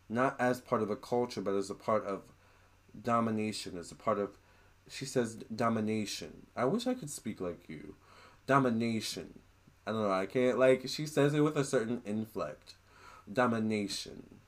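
Talking to camera in a casual monologue, a man with a fairly low-pitched voice relays a spirit's words. He's chatty and animated, full of gushing exclamations.

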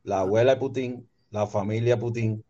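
A man calls in to a live stream and jokes around with the host. His voice is low and mellow. It comes through dull and lo-fi, as if over a call. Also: steady tone, moderate pace. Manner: joking, playful. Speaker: caller. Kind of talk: casual call-in chat. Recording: muffled, lo-fi call audio.

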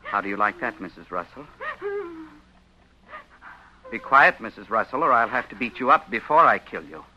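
A man playing a paranoid madman who holds a woman captive in an old radio thriller, speaking quietly and menacingly. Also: fairly low pitch, moderate pace, highs cut off, lightly acted. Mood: paranoid menace. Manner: quiet, menacing, creepy calm. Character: paranoid soft-spoken male madman captor. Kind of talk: 1940s radio acting.

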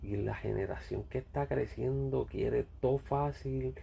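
A man's voice: mid-range voice, measured pace, creaky, muffled recording, a little hiss or hum. A man with a Puerto Rican accent ranting bluntly in casual talk, swearing a lot and repeating himself. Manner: blunt, profane, repetitive ranting. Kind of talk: casual rant.

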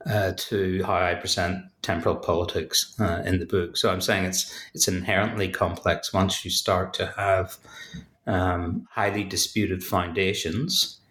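In a roomy-sounding recording, a Northern Irish author and academic with a Belfast accent speaks in a deep, steady, slightly bright voice, a little slowly. His interview answers are considered and hesitant, full of restarts and fillers.

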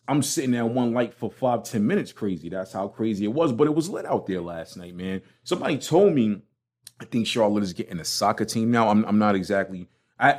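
A Brooklyn-born man with a matching New York accent hosts a casual solo podcast in a lowish, darkish voice. His delivery is slangy, emphatic and conversational.

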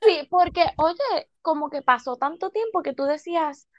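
Una mujer con acento puertorriqueño que comenta una serie en charla casual, emotiva y excitable, mezclando frases en inglés. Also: female voice, very high-pitched, moderate pace, dull audio. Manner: emotional, excitable, mixes English phrases. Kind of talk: casual chat.

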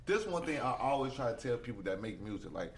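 A man's voice: mid-range voice, sing-song, fast. Laid-back young rapper in his twenties. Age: 20s. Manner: slangy, repeats phrases, many fillers. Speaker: rapper guest. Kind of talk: casual interview chat.

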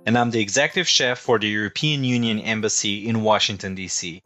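A man's voice: on the low side, brisk, sharp tone, lo-fi sound, faint music behind. A man from Portugal with a Portuguese accent, hosting a podcast interview in an upbeat, friendly way. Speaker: podcast host, chef.

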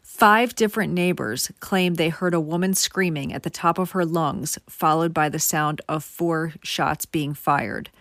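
A woman's voice: deep voice, a little slow, a bit bright, dry recording, clean studio sound. A woman host narrating a true crime case in a casual, conversational way, talking straight to her viewers. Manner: conversational, addresses viewers directly.

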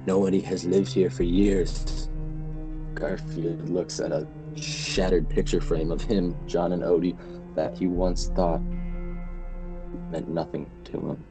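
A man giving a mock-dramatic spooky reading of comic strips, slow and theatrical. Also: low voice, low-quality recording. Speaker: podcast co-host.

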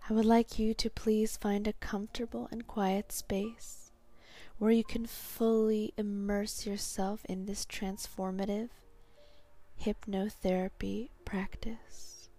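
A woman guiding a hypnosis meditation in a calm, soothing, meditative tone, soft and breathy, sinking toward a whisper at phrase ends. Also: medium pitch, slow. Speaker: hypnotherapy guide.

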